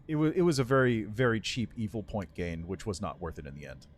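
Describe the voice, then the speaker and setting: Casual male game streamer with animated pitch. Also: a little fast. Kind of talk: casual live game commentary.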